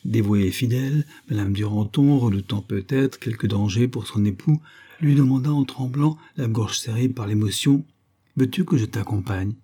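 A man reading a novel aloud in a measured, theatrical narration style. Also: medium pitch, dark tone, breathy edge. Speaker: audiobook reader.

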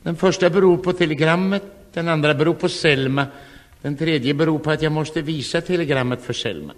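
A man in his fifties tells a comic story in a dry, deadpan style. His voice sits a little higher than most men's, and a long hall reverb rings after each line. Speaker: comic monologist. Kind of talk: scripted comic monologue.

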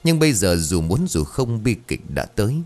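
A man's voice: on the low side, sing-song, moderate pace, darkish tone, soft background music. A man narrating a ghost story in a dramatic, suspenseful way.

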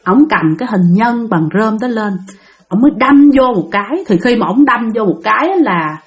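A woman's voice: on the high side, very animated, normal speed. A woman telling a ghost story in a chatty way, talking straight to her listeners. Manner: chatty, addresses listeners directly. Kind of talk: casual spoken ghost story.

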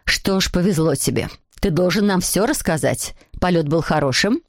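A woman's voice: fairly low pitch, lively intonation, moderate pace, dry recording, studio quality, voice pushed down. A woman reading aloud voices a strict schoolteacher who gives formal orders. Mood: mild. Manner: scolding, formal. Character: strict female schoolteacher, stern and commanding.

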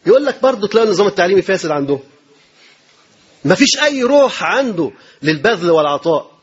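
A male preacher with an Egyptian accent delivers his sermon at a quick clip, his voice pitched high. He stacks up rhetorical questions and hammers phrases twice, and there is a husky edge to his voice. The recording sounds dull and lo-fi. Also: sing-song. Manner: emphatic, rapid rhetorical questions and repeated phrases.

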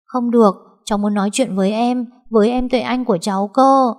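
A woman's voice: fairly high pitch, fairly even intonation, fairly quick, darkish tone, voice pushed up, lightly acted. A woman voicing a tearful little girl who begs to see her sick sister, pleading and sobbing.

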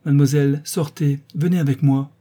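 A man voicing an imperious, jealous aristocratic marquise with a sharp, scolding manner in an audiobook reading. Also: a little high, lively intonation, moderate pace, husky, voice pushed up. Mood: commanding.

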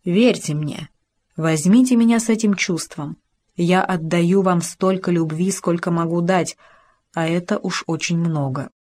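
A woman's voice: fairly low pitch, unhurried, a little mellow. A woman voicing an ardent young male officer in an audiobook, reading his lines with impassioned pleading.

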